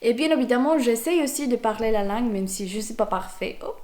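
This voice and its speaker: Talking informally to her audience, this young vlog host is Mexican and a native Spanish speaker with a Mexican accent. She sounds a little high and expressive, with a brisk pace and a darkish tone.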